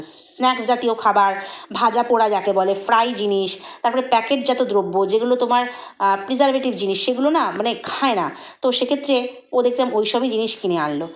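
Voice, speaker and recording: A woman talks through a gossip vlog in a fairly high voice. She mocks and needles, tossing out rhetorical questions in a chatty, sarcastic run. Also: fairly quick. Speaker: vlogger.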